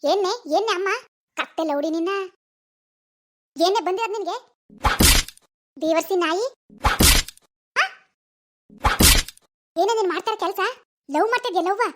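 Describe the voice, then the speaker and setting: Woman voicing a village mother, furious, shrill scolding, cartoon. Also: heavy background noise. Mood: angry scolding. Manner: shrill, rapid scolding with insults.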